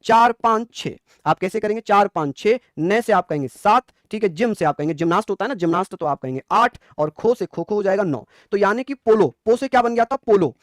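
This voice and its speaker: A man's voice: high-pitched, expressive, brisk, few pauses, no room sound, clean studio sound. A man teaching an exam quiz class, coaxing answers and praising often.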